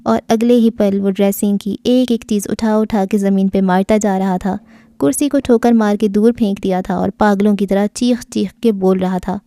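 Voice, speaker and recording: A woman's voice: medium pitch, fairly even intonation, warm tone, dry recording, studio quality. A woman narrating an audio novel, reading steadily and expressively.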